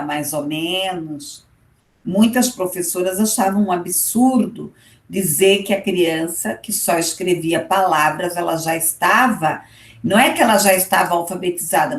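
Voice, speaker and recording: A woman's voice: on the low side, echoey room. A woman teaching an online class, explaining step by step and checking in with her students often.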